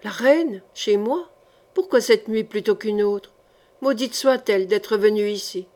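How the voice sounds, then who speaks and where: A woman's voice: mid-range voice, a little slow, close to an everyday voice. A woman reading an audiobook, voicing a cold, scheming, gaunt male sorcerer who flares into fury. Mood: grumbling. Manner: cold, turning to furious shouts.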